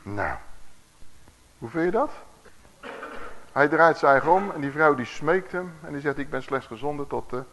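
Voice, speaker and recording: Animated man preaching a sermon. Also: fairly high pitch, a little hiss or hum. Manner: animated, asks the listeners questions, reads verses slowly. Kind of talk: sermon with Bible reading.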